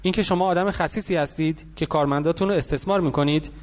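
A man's voice: on the high side, close to an everyday voice. A man voicing an indignant, curious nine-year-old boy in an audiobook. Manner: pointed, questioning.

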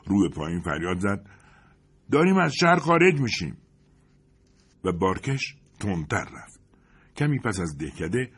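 A man reading a war novel aloud as a narrator, in a scripted, expressive storytelling delivery. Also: low-pitched, breathy edge. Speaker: audiobook narrator.

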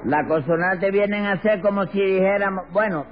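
A man acts out a scheming Cuban fraud posing as a teacher, all stammers and evasions. His voice sits high, and it comes through a thin, phone-like old radio broadcast. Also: normal speed, crowd noise, noisy background, natural voice. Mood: bluffing. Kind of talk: 1950s radio comedy acting.

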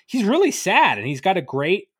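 Male co-host, animated, pitch all over the place, throws himself into readings. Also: moderate pace, breathy edge. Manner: lively, bursts into loud dramatic reading. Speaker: podcast co-host. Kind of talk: casual chat about a play.

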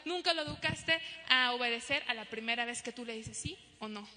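A middle-aged woman preaching a sermon to a congregation, animated, acting out parents and children. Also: on the high side, fairly quick. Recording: long hall reverb.

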